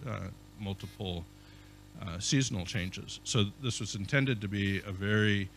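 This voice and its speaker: Man, keynote lecture, lowish voice, measured with ums and restarts, faint hum. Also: a bit bright. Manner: measured, with frequent fillers and restarts. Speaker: keynote speaker, architecture professor. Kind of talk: conference keynote talk. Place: conference hall.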